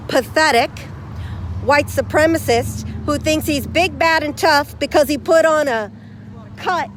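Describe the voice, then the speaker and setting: A woman argues outdoors at a street protest, her voice pitched extremely high. She taunts and fires questions one after another, confrontational and relentless. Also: a little slow, a bit bright, slight background noise. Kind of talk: heated street argument.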